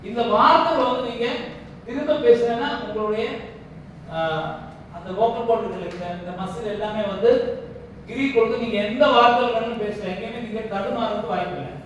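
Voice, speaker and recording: A medium-pitched woman leads a workshop lecture on public speaking, complete with demonstrations, explaining ideas and then questioning the room often to confirm they understand. The sound carries a little hiss or hum, echo from the hall, a distant mic and faint ambience.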